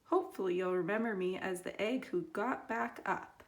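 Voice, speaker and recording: Lady teacher doing a kids story time read aloud, expressive, puts in dramatic pauses. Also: mid-range voice. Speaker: teacher reading a children's book aloud.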